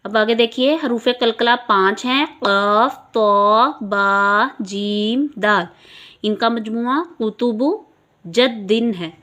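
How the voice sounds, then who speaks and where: A woman with a Pakistani Urdu accent teaching Quranic recitation rules, patiently repeating syllables slowly for learners to follow. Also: medium pitch, fairly even intonation, bright, forceful tone.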